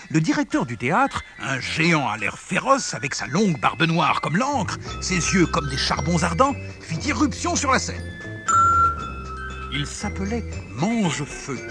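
A man narrates a children's story with lively, sweeping pitch, his voice sitting a little high for a man. Clear background music plays under him throughout. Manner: expressive, animated storytelling. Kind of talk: storybook read-aloud.

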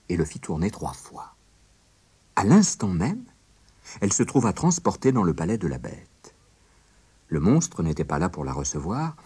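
A male storyteller reads a fairy tale aloud in a low, husky voice. He rises and falls through a lively pitch range, with soft music beneath. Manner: expressive, dramatic reading. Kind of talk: scripted fairy-tale narration.

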